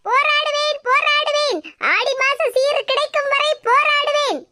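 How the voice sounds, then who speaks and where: A woman's voice: extremely high pitch, steady tone, normal speed. A woman voicing a stubborn grown daughter in a cartoon who stages a protest at the doorstep and chants her demands. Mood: defiant. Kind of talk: Tamil cartoon voice acting.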